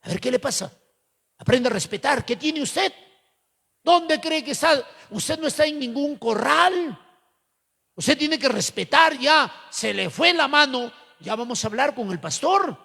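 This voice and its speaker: A man doing a stern, scolding church man, high gravelly voice, hall reverb. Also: expressive, a little slow, sharp tone, full character voice. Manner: scolding, repeated demanding questions.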